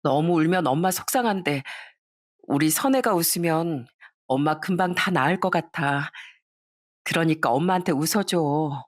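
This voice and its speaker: A woman voicing a gentle, ailing mother softly comforting her daughter. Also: low voice, normal speed, no echo, studio quality. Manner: soft and reassuring.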